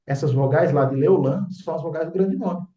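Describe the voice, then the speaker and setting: A man's voice: fairly high pitch, brisk, dark tone. A man explains slides as a religious teacher, insistent and often checking in with the listener. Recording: echoey room, dull lo-fi sound.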